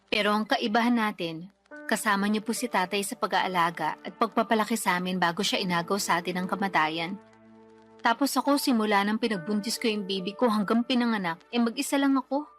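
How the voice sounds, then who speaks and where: In a Tagalog radio drama with faint background music, a woman acts as the letter sender, an exhausted, resentful young single mother. Her natural, mid-range voice is fairly quick and fairly bright, sounding weary, complaining, and defensive.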